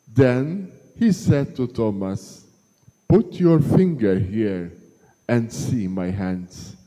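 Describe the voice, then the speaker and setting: A man reads scripture in a large church with a solemn, deliberate delivery. His voice is warm and dark and moves at a very slow, measured pace. A long cathedral echo trails after every line. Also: medium pitch. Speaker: gospel reader at Mass. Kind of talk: solemn liturgical reading.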